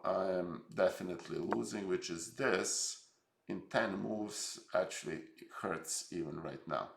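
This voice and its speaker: A middle-aged man from Serbia with a Serbian accent, reviewing his chess games on a live stream, halting and reflective, with many fillers. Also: on the low side, gravelly, echoey room.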